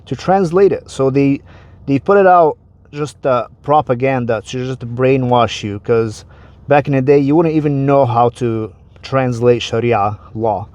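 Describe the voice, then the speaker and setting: A slightly mellow, medium-pitched male voice belongs to an easygoing vlogger whose first language is Arabic. Explaining religion casually to camera, he chats conversationally, repeats words, and restarts phrases.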